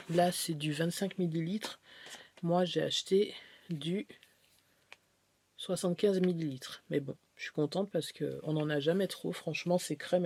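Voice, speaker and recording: A woman's voice: deep voice, a little mellow, husky. A woman beauty vlogger chatting through a haul video, rambling and hesitant as she shows items one by one.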